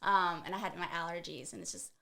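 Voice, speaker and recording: A woman's voice: lowish voice, fairly even intonation, quick pace, gravelly, a bit bright. A woman guest on a casual podcast, chatting in a laid-back, giggly way with many fillers. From Dallas, USA.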